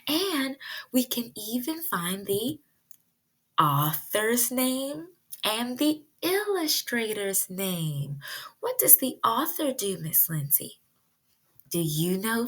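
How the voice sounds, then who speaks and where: Her voice sits on the high side, sing-song and slightly bright. She's a preschool teacher reading aloud to little ones in an online lesson, keeping her phrasing simple and deliberate and posing questions to the kids.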